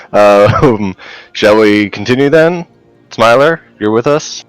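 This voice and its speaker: A man's voice: lowish voice, extremely slow, smooth, no echo, soft background music. A man playing a tabletop game, chatting in a casual, wry way. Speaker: player. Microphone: streaming microphone.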